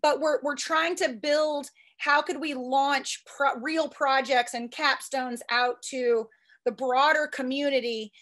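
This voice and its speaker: A woman who is a statistics professor giving a quick, eager conference talk with frequent restarts. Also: high voice, fairly bright tone. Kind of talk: fast conference presentation.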